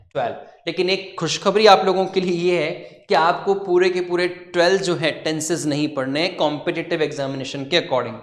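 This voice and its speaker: A man's voice: high-pitched, a bit bright, roomy sound. A man teaching a coaching class, telling a joke and explaining grammar in a chatty style, often checking in with "okay". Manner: chatty, storytelling, says "ठीक है" often.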